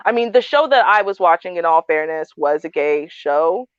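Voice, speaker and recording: A woman's voice: lowish voice, lively intonation, moderate pace, clean tone, no room sound. Blunt outspoken woman on dull audio. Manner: blunt, frank, frequent fillers. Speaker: panel host. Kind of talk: casual panel discussion.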